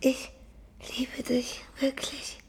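A woman's voice: fairly high pitch, fairly even intonation, drawn-out words, a little mellow, slight background noise. A dying woman, Bones, whispering tenderly. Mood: fading. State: weak, fading, breathless. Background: music.

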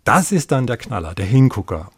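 A man's voice: medium pitch, very animated, fairly quick, breathy edge, no room sound. A man, an expert colleague interviewed in the studio, explaining things chattily with everyday examples.

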